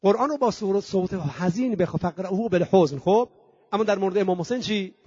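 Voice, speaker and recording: A preacher whose high voice is a little mellow and husky gives a sermon at a mourning gathering, chanting scripture lines melodically, building long emphatic lists and posing rhetorical questions to the congregation. The dry recording sounds muffled and lo-fi.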